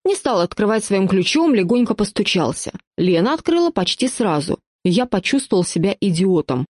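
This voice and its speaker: A woman reading first-person audiobook narration with lively storytelling. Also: medium pitch, normal speed, no room sound, clean studio sound.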